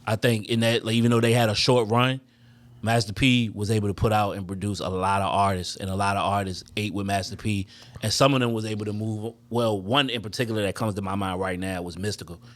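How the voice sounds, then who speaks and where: A man co-hosting a podcast, giving deliberate opinions in a casual debate. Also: lowish voice, steady tone. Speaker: podcast co-host.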